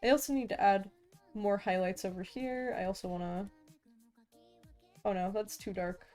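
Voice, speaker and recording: A young woman streams herself drawing as a VTuber art streamer, chatting casually with viewers and often stuttering and restarting what she says. Her medium-pitched, slightly mellow voice moves at a moderate pace over soft background music.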